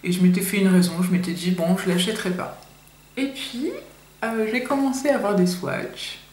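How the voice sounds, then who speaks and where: Speaking at normal speed in a slightly mellow, medium-pitched voice, a young woman from France gives a casual makeup review to camera. She is a nervous first-timer, chatty and full of fillers, and the camera mic picks up room echo and a slight hiss.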